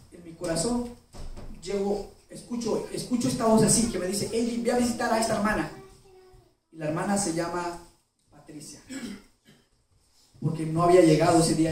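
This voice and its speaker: With a high voice and a darkish tone, a pastor shares a personal story through tears during a church sermon and poses questions to the congregation, describing himself as a crier. The hall is very echoey, the mic distant, and faint noise lingers.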